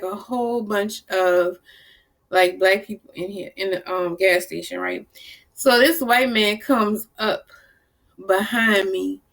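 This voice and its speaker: A woman talking casually to camera, telling stories in a lively, blunt way and acting out the people she quotes. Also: medium pitch. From New Orleans, US South. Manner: animated storyteller, acts out quoted people, blunt and salty. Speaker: vlogger.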